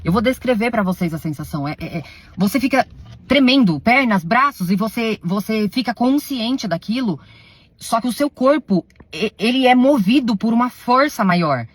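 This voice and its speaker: A woman giving an emotional religious testimony to her followers, defensive and pleading, her voice swinging between hushed and raised. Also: fairly high pitch, animated, normal speed, breathy edge, no echo. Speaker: self-described servant of God recounting a spiritual experience.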